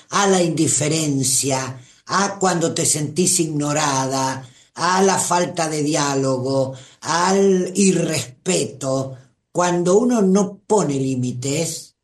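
A woman with a Rioplatense Spanish accent talks her live-stream audience through advice at an unhurried pace. She is emphatic and calls listeners darling and treasure. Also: low-pitched.

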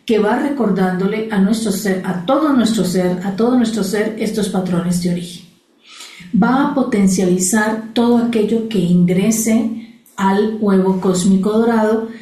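Warm-voiced woman guiding a meditation. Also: mid-range voice, echoey room, poor audio. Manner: slow, repetitive, soothing phrasing. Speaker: spiritual teacher. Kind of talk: guided meditation teaching.

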